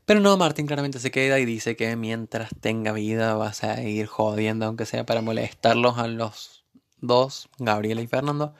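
A man with an Argentine accent, speaking at medium pitch and a normal pace, reviews a TV series. He recaps an episode casually and sarcastically, tossing in joking asides.

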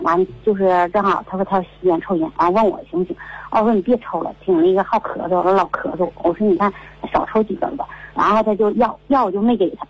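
A woman's voice: mid-range voice, slightly rough, dry recording. A woman, calling in to a radio advice show and telling her story with many fillers over a muffled line. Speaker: caller. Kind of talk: phone-in advice call.

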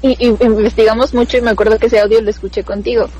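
A woman's voice: a little high, level tone, rapid-fire, mellow, muffled recording. Thoughtful woman recalling memories. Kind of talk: casual storytelling chat.

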